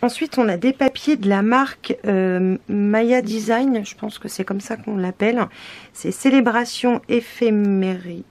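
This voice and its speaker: Woman, from France, casual unboxing chat, hesitant fillers, medium pitch. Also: unhurried, a little mellow. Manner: chatty, hesitant, many fillers. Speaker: scrapbooking vlogger.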